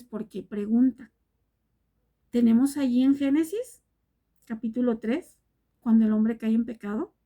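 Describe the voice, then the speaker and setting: High-voiced woman preaching a sermon. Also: dark tone. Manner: repeats rhetorical questions, often addressing the listeners as brothers and sisters.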